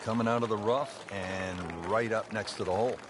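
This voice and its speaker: A man playing a lead golf commentator in a video game, calling play in a measured, descriptive way. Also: on the low side, noisy background, natural voice. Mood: measured commentary. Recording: music and crowd behind voice. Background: music and outdoor crowd.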